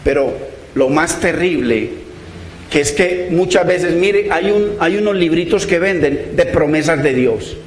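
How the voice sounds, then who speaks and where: A man preaches a sermon in a high voice. He sounds earnest and pleading, and keeps calling out to his brothers in faith. His voice rings around an echoey room. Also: animated, unhurried, slight background noise. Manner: earnest, pleading, repeats "hermano" often.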